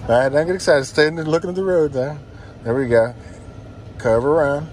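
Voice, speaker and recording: A man's voice: fairly high pitch, fairly quick, a little mellow, a little hiss or hum. A man acting as a driving instructor, giving hands-on lessons in short, repeated directions inside a vehicle. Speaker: driving instructor, teaching a learner. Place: inside a parked or slowly moving van.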